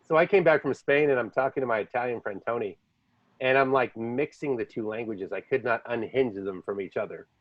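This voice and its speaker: A podcast host with a medium-pitched male voice talks briskly through casual conversation, telling rambling stories and jumping between languages. The recording is dry and the audio sounds dull.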